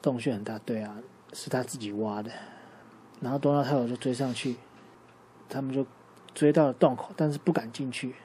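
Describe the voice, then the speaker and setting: A man improvising a bedtime story for a child, lively and asking the listener questions along the way. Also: mid-range voice, a little fast, slight background noise.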